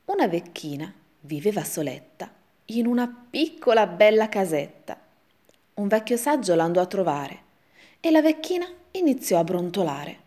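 A woman reading a rhyming children's story aloud with a lively sing-song rhythm. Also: mid-range voice, normal speed.

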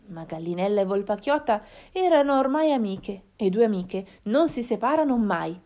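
A woman narrating a children's storybook in a slow, expressive reading. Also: medium pitch.

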